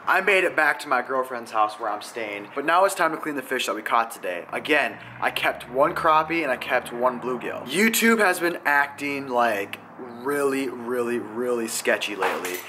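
A man's voice: medium pitch, lively intonation, moderate pace, few pauses, sharp tone, slight background noise. A young man chatting casually in a fishing vlog, filler-heavy, filmed on a handheld camera at arm's length. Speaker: fishing vlogger. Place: garage, then an apartment kitchen and living room. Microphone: handheld wide-angle camera at arm's length.

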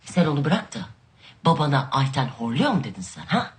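A woman's voice: low-pitched, sing-song, brisk, slightly rough, heavily acted. An actress playing a firm wife who scolds and turns her husband out. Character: stern wife Ayten refusing her husband, woman.

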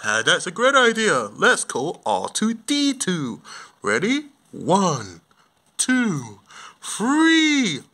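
A man voicing a friendly, cheerful puppet king in a homemade puppet show. He talks in an animated, encouraging way and leads the counting and cheering. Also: high voice, extremely slow, full character voice. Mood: upbeat.

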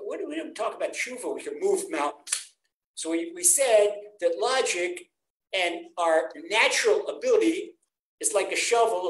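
An older man teaching a Torah class from home over a video call, his voice sitting rather high for a man. He preaches earnestly and with energy, acting out the people he quotes. The webcam sound carries a roomy echo. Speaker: rabbi teaching a weekly class.

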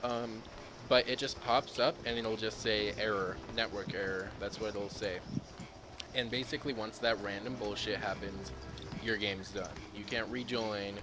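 A man giving casual, jokey gameplay commentary on his own microphone, swearing freely and talking in animated bursts. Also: fairly low pitch, measured pace, noisy background. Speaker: gaming commentator. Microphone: own desk microphone.

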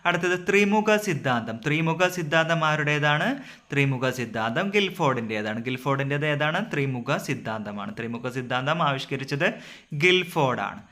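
A man, an exam coaching tutor who runs a rapid-fire revision drill, asking each question and then repeating the answer over and over. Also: mid-range voice, animated, pushed and bright.

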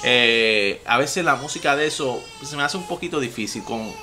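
Indoors in his home room with TVs and gaming gear, a young Puerto Rican man hosts a laid-back music reaction vlog, swearing freely and gesturing broadly. He has a Puerto Rican Spanish accent and a mid-range voice at normal speed, with slight background noise.

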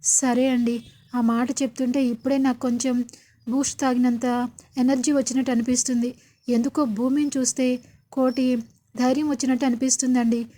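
A woman reading the lines of a tired, weak older mother in a serial retelling, speaking softly and wearily. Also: high voice, level tone, brisk. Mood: weary. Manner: soft, weary speech.

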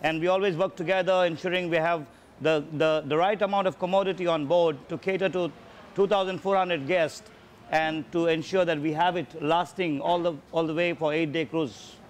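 Touring his ship galley kitchen, an executive chef talks casually, with repeated words as he sorts out what to say. His slightly high voice stays fairly even at a moderate pace, over a faint hiss or hum.

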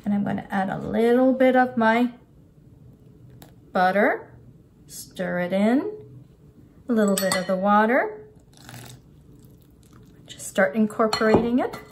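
Standing at a counter in a homey indoor kitchen, an older woman who instructs cooking walks through her steps in a casual, off-the-cuff demonstration. She speaks a little high, with animated intonation, at a measured pace, pausing often. Clatter and background sounds from the kitchen are clearly heard.

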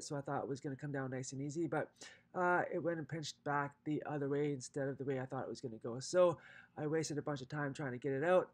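A man in his forties narrating his own tree-cutting vlog in a rambling, self-critical, casual way. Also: a little high. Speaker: vlogger, maintenance business owner. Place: outdoors in snow, with a later voice-over.

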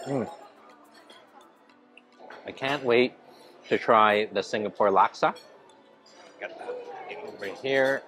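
A man's voice: medium pitch, takes it slowly, pauses often, a bit bright, soft background music. Enthusiastic man vlogging at a buffet. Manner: enthusiastic, narrates each dish as he eats. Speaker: food vlogger. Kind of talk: casual food vlog narration. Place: large indoor hotel buffet restaurant. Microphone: handheld camera at arm's length.

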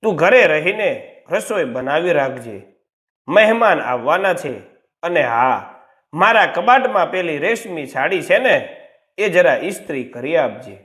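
A man's voice: on the high side, big pitch swings, unhurried. A man voicing a sly, scheming older mother-in-law who scolds her new daughter-in-law in a storybook tale. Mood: ordering. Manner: sugary toward her son, sharp toward the bride.

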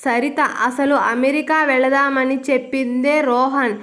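A woman's voice: sits high, level tone, unhurried. A woman reading a heartbroken young college girl. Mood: upset. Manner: hushed and tearful.

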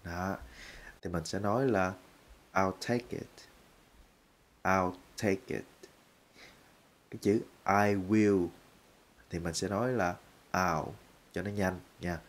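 A man with a Vietnamese accent teaching English phrases, repeating each one slowly word by word. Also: sits low, fairly even intonation. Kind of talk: English lesson.

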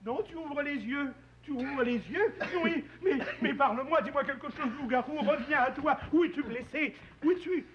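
A man voicing an excitable, eager little male friend who stammers, in 1960s children's TV puppet acting. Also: very high voice, normal speed, hardly any pauses, dull audio, a crowd in the background. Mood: panicked.

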